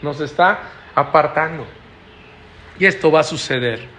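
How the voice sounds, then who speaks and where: A man preaches in a chatty sermon style, often asking his listeners short questions. His voice sits a little high for a man. A faint hiss runs under the recording. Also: a little slow, bright, forceful tone. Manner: conversational preaching, tag questions, acts out quoted voices.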